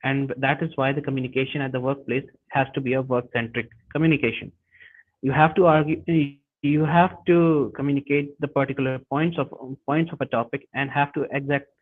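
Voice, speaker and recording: A man presenting a webinar lesson, talking haltingly with frequent restarts and self-corrections. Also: mid-range voice. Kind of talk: lecture on workplace communication. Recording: tinny phone-like webinar audio.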